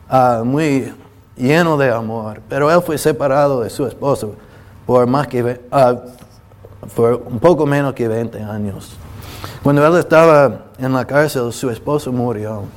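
A male preacher with a medium-pitched voice delivers an emotional sermon to his congregation, speaking slowly and haltingly. He restarts often and uses many filler sounds, pausing when moved and apologizing to his listeners.

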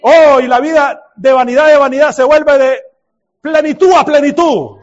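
A man preaching a sermon in an animated way, dropping to soft asides and rising to shouted exclamations, often laughing. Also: very high voice, normal speed. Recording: dull lo-fi recording.

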